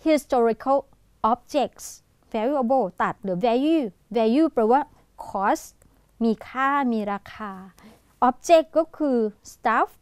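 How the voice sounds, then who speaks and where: A woman's voice: sits high, drawn-out words, darkish tone, clean tone, dry recording. A woman with a Thai accent, teaching an English exam-prep lesson and thinking aloud as she mixes Thai with English words.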